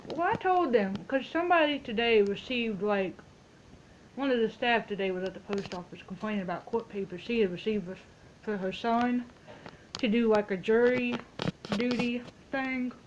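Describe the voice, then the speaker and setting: A woman's voice: a little high, normal speed, slight background noise, poor audio. A woman in a casual, rambling phone chat, telling stories and quoting herself and other people as she goes. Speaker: vlogger making a phone call.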